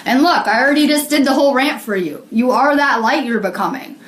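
A woman's voice: high voice, brisk, roomy sound. A woman healer talking casually to viewers on a live video, earnest and rambling with many ums and frequent laughs.

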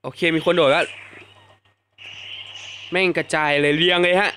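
Bright-voiced young guy doing live game commentary, excitable, swears a lot, kinda high voice. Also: normal speed, a little hiss or hum. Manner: excitable, swears casually, yelps at surprises. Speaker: gaming YouTuber. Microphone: desk mic at home, fan noise behind.

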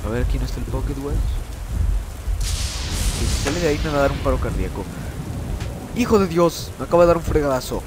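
A man's voice: medium pitch, expressive, a little fast, long pauses, heavy background noise. Man, congested from a cold, jumpy let's-play commentary, swearing, desk mic. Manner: jittery, swears, yelps when startled. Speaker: gameplay commentator. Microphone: desk microphone.

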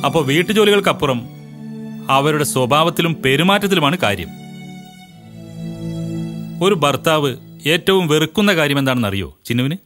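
A man's voice: a little high, natural voice. A man playing a preachy elder brother. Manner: preachy, measured lecturing. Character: earnest elder brother lecturing his sister. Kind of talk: home movie acting.

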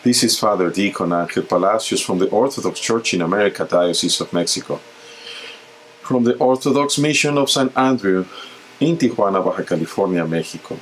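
A man in his fifties, a deacon, reading the gospel and giving an earnest, measured homily from a small home chapel, with occasional halting restarts. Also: low voice, lively intonation, slight background noise, low-quality recording.

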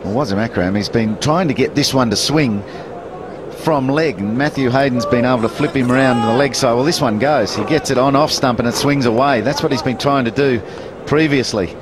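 A man's voice: medium pitch, brisk. Man analysing the bowling on TV. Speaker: cricket commentator. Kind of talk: live TV cricket commentary. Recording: broadcast with clear noise.

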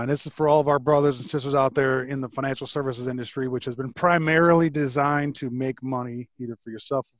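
A male podcast host asks slow, deliberate questions over a video call. His voice sits a bit high for a man and comes through a headset mic. The sound is dry and close. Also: a little mellow, dry recording. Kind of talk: interview questions. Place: home studio, video call. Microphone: headset microphone.

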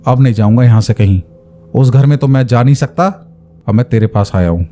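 A man's voice: medium pitch, a little fast, mellow, soft background music, pitched below the performer's own voice, close to an everyday voice. A man voicing the vengeful male ghost that has possessed the dead man's brother, with stubborn, growling refusals. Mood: menacing.

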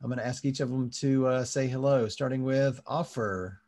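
A man hosting a live online comedy show, speaking in a relaxed way with many fillers, over a video call. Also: mid-range voice, moderate pace. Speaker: host.

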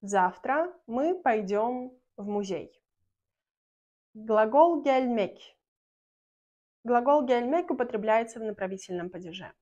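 A young woman from Belarus explains a language lesson straight to the camera. Her slightly high voice stays clear and patient. She talks from close range in a small indoor room. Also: expressive, a little mellow, dull audio. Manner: clear, patient, slows down to model example sentences. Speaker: Turkish language teacher.

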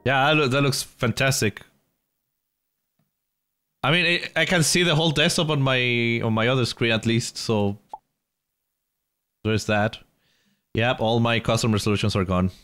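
A man's voice: medium pitch, steady tone, moderate pace, long pauses, fairly bright tone, smooth. A man talking casually on a live stream, exasperated and swearing while he wrestles with screen settings. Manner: exasperated, swears, grumbles about tech trouble. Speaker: game streamer.

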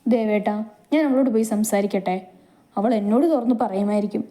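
A woman voicing a caring older sister who gently questions and soothes. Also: mid-range voice, a little fast, natural voice. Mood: probing.

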